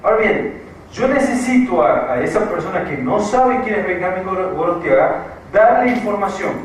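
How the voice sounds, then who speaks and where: At normal speed and in a high, animated voice, the Argentine-accented writing teacher walks his class through the material step by step, going back over his points and making sure everyone keeps up. It is a distant, echoey classroom recording with a little background noise.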